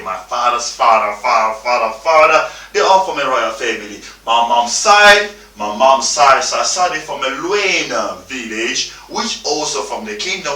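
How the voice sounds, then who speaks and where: A man in his thirties delivers a motivational talk in emphatic, repetitive English. His voice is bright and forceful, and it rises and falls widely. He sounds a little distant in an echoey room, with faint music underneath. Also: medium pitch. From Democratic Republic of the Congo. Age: 30s. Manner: emphatic, repeats himself, informal non-native English phrasing. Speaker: motivational speaker.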